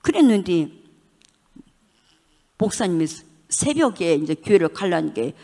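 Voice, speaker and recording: A woman's voice: fairly low pitch, big pitch swings, measured pace. Older woman preaching fervent testimony in echoing hall. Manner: fervent preaching with shouted hallelujahs; acts out quoted dialogue in dramatic voices. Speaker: church deaconess giving testimony. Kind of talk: testimony sermon. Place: church sanctuary. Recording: long hall reverb.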